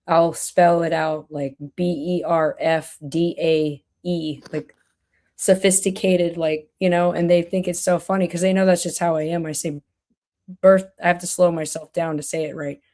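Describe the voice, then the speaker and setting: Low-voiced woman hosting a chatty stream. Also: flat delivery, normal speed, mellow. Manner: rambling, with many restarts and fillers. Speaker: stream host. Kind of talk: casual chat on a live stream.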